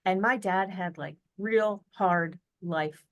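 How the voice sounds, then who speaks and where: A woman's voice: mid-range voice, slow pace, no room sound, lo-fi sound. Earnest chatty American woman on a video call. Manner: earnest, chatty, many fillers and restarts. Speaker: podcast guest. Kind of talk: casual storytelling interview.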